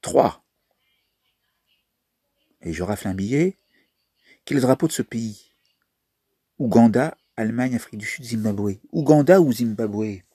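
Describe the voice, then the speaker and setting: Husky man chatting through a mobile game. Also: mid-range voice, animated, normal speed, warm tone, dry recording, studio quality. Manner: chatty, thinks aloud while playing. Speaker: mobile game video maker. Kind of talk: casual gameplay commentary.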